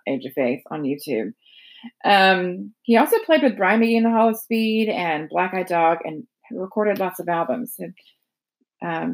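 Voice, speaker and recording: Middle aged woman podcast host, kinda low voice, casual intro, halting like shes thinking out loud. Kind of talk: casual spoken introduction of a guest.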